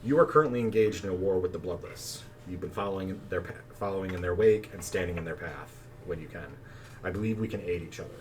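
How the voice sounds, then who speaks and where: A man playing a tall, formal old gentleman lawyer who speaks in a measured, commanding way. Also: sits low, close to an everyday voice. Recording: distant mic, faint background noise.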